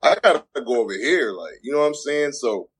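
A man's voice: mid-range voice, lively intonation, a little fast, slightly rough. A man who is a musician guest on a podcast, talking earnestly in a casual chat and often adding "you know what I'm saying".

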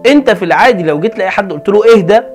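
An Egyptian man gives a brisk, animated lesson on handling customers. His voice sits high and moves quickly, and soft music plays underneath. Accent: Egyptian Arabic. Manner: animated, acts out customer exchanges. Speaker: customer service trainer. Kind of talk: energetic instructional talk.

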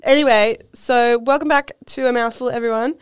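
A young woman co-hosting a podcast, chatting in a relaxed, friendly way while getting over the flu. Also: a little high, brisk, clean tone, no room sound. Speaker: podcast co-host. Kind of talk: casual chat.

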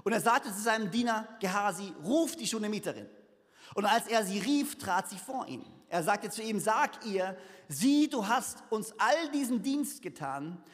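A man preaching a sermon, reading a scripture story aloud and adding lively, humorous asides. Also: high-pitched, moderate pace. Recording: hall reverb.

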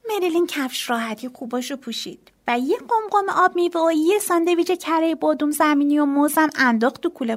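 Woman reading a children's story aloud. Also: high voice. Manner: expressive, lively storytelling voice.

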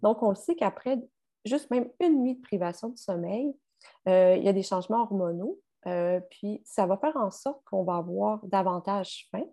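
A woman's voice: medium pitch, moderate pace. A woman with a Québécois French accent, explaining sleep science as a guest in a podcast conversation, with frequent fillers. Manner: explanatory, steady, many fillers.

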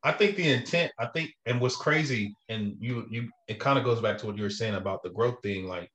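Guy being real w friends, earnest n halting, slangy, average pitch, echoey room. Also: a bit bright. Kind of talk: casual reflective conversation. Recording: roomy, echoing sound.

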